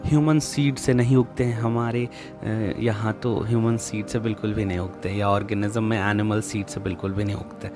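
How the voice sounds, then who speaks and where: A man's voice: on the low side, fairly even intonation, normal speed, music in the background. A male biology teacher giving a classroom lecture that mixes Hindi and English, explaining step by step, repeating key terms and throwing in jokey asides.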